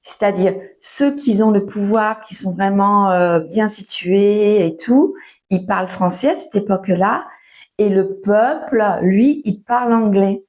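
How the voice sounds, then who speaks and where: A young woman teaches French in a relaxed, unhurried way, her voice sitting at an ordinary middle pitch. She stretches her words out, fills pauses with soft hesitations and often starts a sentence over. It sounds like a friendly lesson recorded at home. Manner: slow, patient, full of fillers and restarts, laughs often. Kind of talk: casual spoken lesson for learners.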